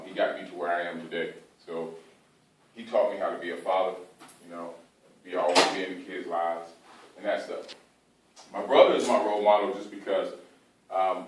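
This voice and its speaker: Echoey, deep-voiced American man giving a pep speech. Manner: informal, earnest, halting with repeated phrases for emphasis. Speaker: sports team coach. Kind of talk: pre-game motivational pep speech to a team. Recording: echoey room, distant mic, faint background noise.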